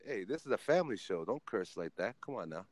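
A man's voice: lowish voice, big pitch swings, quick pace, rough recording. A man in his forties hosting a casual podcast chat, laid-back and teasing, laughing often. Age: 40s.

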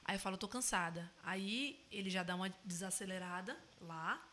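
A woman's voice: medium pitch, normal speed, a bit bright, slight background noise. A woman chatting frankly as a podcast guest, quoting what she says to her husband. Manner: frank and direct, quotes herself in dialogue. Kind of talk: casual podcast chat.

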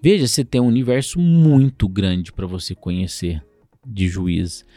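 A man's voice: fairly low pitch, measured pace, dry recording, soft background music. A man from Brazil, a lawyer in a conversational interview, acting out courtroom exchanges as he explains. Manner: animated, acts out courtroom exchanges.

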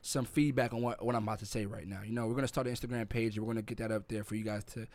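A man's voice: lowish voice, steady tone, very fast, a little mellow. A man co-hosting a casual podcast, brash and opinionated, joking around with friends about music. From New York City. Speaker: podcast co-host.

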